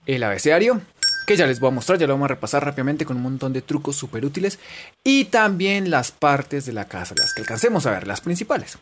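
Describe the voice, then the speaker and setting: A woman's voice: rumbling low, big pitch swings, fast talker. Woman teacher, chatty and playful, voice bouncing up and down a lot. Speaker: English teacher. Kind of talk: casual online lesson.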